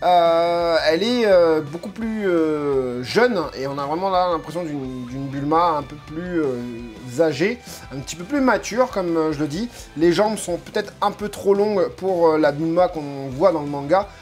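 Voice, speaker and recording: Over faint background music, an unboxing host comments casually on a figurine, cracking jokes and wandering off topic with lots of hesitant fillers. His voice is fairly high and animated, and he takes his time.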